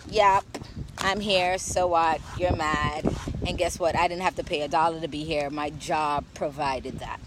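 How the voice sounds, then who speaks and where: A woman's voice: low-pitched, fairly even intonation, measured pace, noisy background. Brash, profane woman ranting on a phone stream. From Jamaica. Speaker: livestreamer. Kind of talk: casual livestream rant. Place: outdoors in rainy weather. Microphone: phone livestream.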